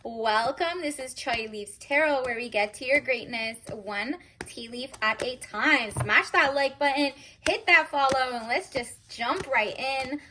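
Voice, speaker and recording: A woman's voice: high-pitched, measured pace, hardly any pauses, noisy background. A woman hosting a casual tarot reading for viewers, chatty and slangy, with encouraging talk. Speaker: tarot reader and channel host.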